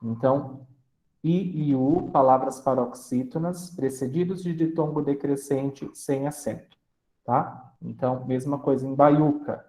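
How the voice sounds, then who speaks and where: A man teaching a grammar lesson, explaining slowly and splitting words into syllables, often checking in with the class. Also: medium pitch, fairly even intonation, mellow, reverberant. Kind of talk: grammar lecture.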